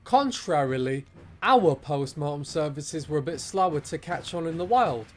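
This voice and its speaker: Cartoon undertaker played by a male actor, male, slightly high voice, sardonic, grandiloquent, theatrical fan-dub delivery. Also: animated, moderate pace, a little mellow, slight background noise, lightly acted. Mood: wry storytelling. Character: wry, grandiloquent male undertaker and bootlegging accomplice. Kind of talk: animated fan dub acting.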